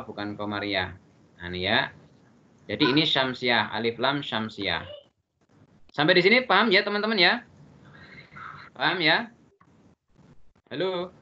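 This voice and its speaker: A man leads an online Quran lesson, his voice fairly high and bright. He explains each rule patiently and keeps checking that the class follows. The sound comes through a muffled video call line. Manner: explains patiently, repeats rules, checks understanding. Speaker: Quran teacher.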